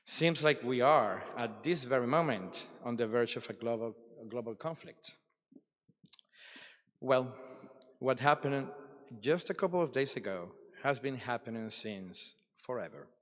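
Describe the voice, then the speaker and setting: A man giving a formal, reflective address at a conference closing ceremony, with deliberate dramatic pauses. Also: medium pitch, fairly bright tone. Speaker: ceremony speaker. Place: large hall at a ceremony. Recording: long reverb of a large hall.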